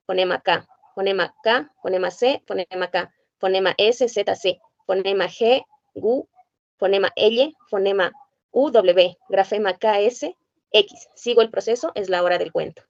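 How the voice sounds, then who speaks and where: A woman presenter reads a curriculum list aloud in a plain, list-like manner, spelling out letters and sounds one at a time. Her voice is medium in pitch and darkish, with some vocal fry. The lo-fi recording is dry and dull, with no echo.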